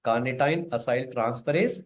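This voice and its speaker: Male lecturer, Indian accent, mid-pitched. Informal, emphatic teaching delivery that repeats key phrases and mixes in Hindi. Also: normal speed, a little hiss or hum. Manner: repetitive, emphatic, often tags phrases with a questioning "sir"; switches between English and Hindi. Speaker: biochemistry lecturer. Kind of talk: informal exam-prep lecture.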